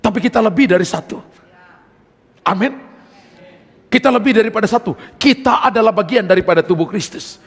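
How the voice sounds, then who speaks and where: A man's voice: high-pitched, a little fast, long pauses, breathy edge. A man preaching a sermon as pastor, telling a personal testimony emphatically and addressing the congregation directly. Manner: emphatic storytelling, addressing listeners as brothers. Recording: long hall reverb.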